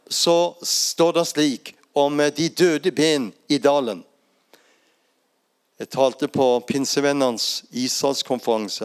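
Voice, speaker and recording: An older man with a Norwegian accent preaching a sermon, retelling Bible stories and asking rhetorical questions. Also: a little high.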